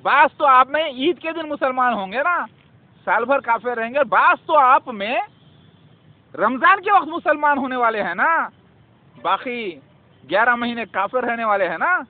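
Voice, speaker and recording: A man's voice: very high-pitched, lively intonation. A man preaching to his viewers in a fervent, scolding religious monologue full of rhetorical questions. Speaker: self-styled religious preacher. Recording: tinny phone-like audio with faint noise.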